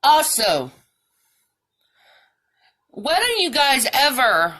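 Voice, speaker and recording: Woman vlogger, profane heated rant, slow delivery, sharp bright tone. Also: high-pitched, big pitch swings. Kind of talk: ranting monologue.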